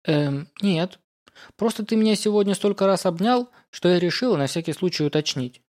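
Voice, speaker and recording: Young woman apprentice, curious, impatient, chirpy, raised pitch, storybook reading, put on by a male narrator. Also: animated, moderate pace, a little mellow. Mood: lively.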